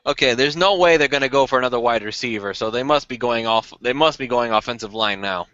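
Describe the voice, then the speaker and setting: A man's voice: mid-range voice, fast talker, sharp tone, no echo. A man co-hosting a football draft podcast, making wry, casual comments on the picks. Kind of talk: casual sports talk. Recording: dry, dull lo-fi recording.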